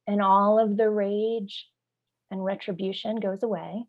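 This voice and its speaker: A woman's voice: mid-range voice, level tone, unhurried, lo-fi sound. A woman who works as a parent trainer, talking in a podcast discussion. She searches for words as she reasons through ideas and grows vivid when she tells a story.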